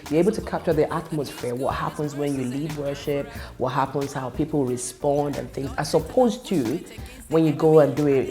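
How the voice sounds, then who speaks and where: Warm and low-voiced, this woman, a Yoruba-speaking gospel singer, shares her testimony. She is earnest and reflective, with pauses and restarts along the way.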